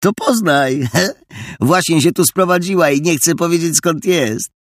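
A man voicing a brash, loud teenage boy who taunts and jeers, in an audiobook reading. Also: on the high side, measured pace, no echo, studio quality, voice pushed up, natural voice. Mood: mocking.

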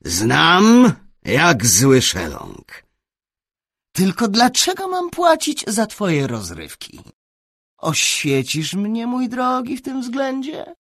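A gruff, lordly old bishop in an audiobook, mocking his visitors and scolding them loudly, as a male narrator puts him on. The voice jumps sharply up and down, pushed higher than the reader's own low register, with a gravelly, husky grain. It is heard close and dry. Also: wildly swooping pitch, takes it slowly, no room sound, exaggerated voice. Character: gruff, self-pitying older male bishop. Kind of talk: audiobook character reading.

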